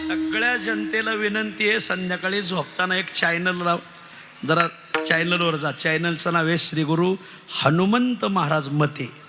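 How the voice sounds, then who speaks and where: A man preaching a devotional kirtan sermon, telling lively humorous stories to the audience. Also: high voice, a little slow, over loud music. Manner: lively storytelling, addresses audience as maharaj.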